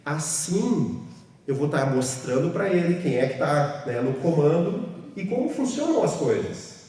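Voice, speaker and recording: A man's voice: a little high, very animated, a little slow, dark tone, distant mic. A man with a southern Brazilian accent giving a training talk to teachers. He explains step by step, keeps adding tag questions, and acts out little scenes. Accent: southern Brazilian (Rio Grande do Sul). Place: large hall with a group of teachers. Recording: echoey hall, voice from afar.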